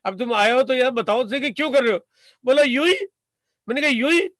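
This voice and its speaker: Brief: man from India, motivational business speaker, high voice, dry close sound, hammers points with repetition. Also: fast talker, no room sound. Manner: emphatic, rhetorical, piles up repeated phrases and asks "right?". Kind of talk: motivational talk to a business audience.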